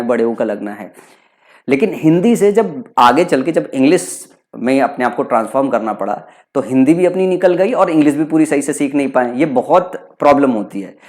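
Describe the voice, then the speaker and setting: A man's voice: medium pitch, a little mellow. A young man with a Bihari accent teaching English vocabulary for an exam, explaining terms and repeating them, often asking a question and then answering it himself. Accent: Bihari Hindi. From Bihar, India. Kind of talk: exam prep lecture.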